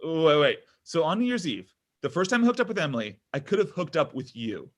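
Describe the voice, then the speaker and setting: At a table read for a comedy pilot, an actor plays a needy, pushy man in his thirties on a date who whines, gets defensive and over-explains, and the mood is awkward. His voice runs on the high side, a little fast, with big swings in pitch.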